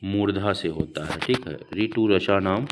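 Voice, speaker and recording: A male teacher explaining Hindi grammar for an exam, slowly repeating each rule and its mnemonic for his students. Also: low-pitched, background noise. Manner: slow, repeats mnemonics aloud. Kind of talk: exam prep lecture.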